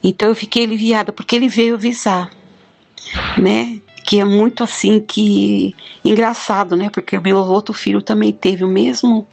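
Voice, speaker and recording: A woman's voice: mid-range voice, steady tone, normal speed, gravelly, a little mellow. A middle-aged woman, giving a heartfelt, plain-spoken personal testimony. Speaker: guest telling a near-death experience.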